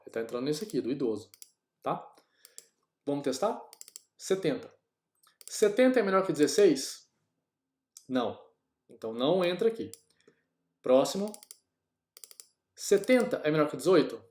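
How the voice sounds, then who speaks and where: Here a Brazilian programming instructor walks his class through a coding lesson, casually voicing every step over a screen recording. His voice is a little high and a little mellow, and the room echoes.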